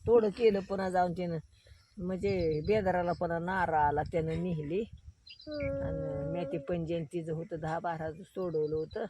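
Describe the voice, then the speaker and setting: A woman's voice: on the low side, unhurried, noisy background. A woman, reminiscing in casual chat outdoors in the shade, insistent and earthy. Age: 80s. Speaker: grandmother. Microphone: phone camera.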